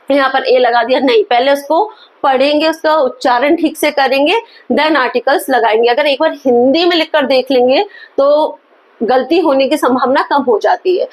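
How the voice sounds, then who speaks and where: A woman with a high-pitched voice works through English grammar in Hindi, answering her own questions. She reads the example sentences at a slow, spelled-out pace.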